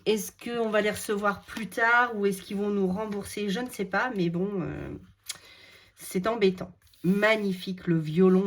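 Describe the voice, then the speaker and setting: Femme française, enthousiaste et lente. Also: female voice, fairly low pitch. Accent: French. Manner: gushing, repeats words, many fillers. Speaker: crafting vlogger showing a haul. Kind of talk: casual unboxing chat.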